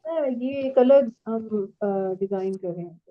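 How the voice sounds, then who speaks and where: A woman's voice: fairly high pitch, expressive, measured pace, narrow, tinny audio. A woman teaching a writing and language class, explaining step by step and checking that her students follow.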